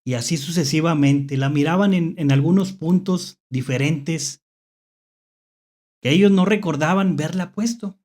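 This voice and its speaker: At a measured pace and medium pitch, with a darkish tone, a Mexican-accented host tells spooky horror tales unscripted. Hesitant repetition of phrases and rhetorical check-in questions mark the delivery.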